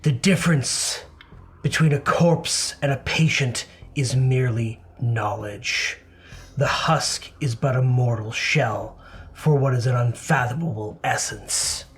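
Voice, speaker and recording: Man voicing a grandiose, arrogant villain doctor, slow and declamatory. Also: medium pitch, natural voice. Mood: condescending.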